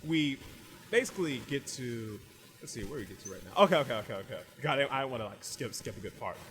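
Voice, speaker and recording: A man's voice: medium pitch, expressive, fast talker, a bit bright. A man hosting a casual podcast, rambling through a recap with "like" in nearly every phrase and frequent restarts. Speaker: podcast host reviewing anime.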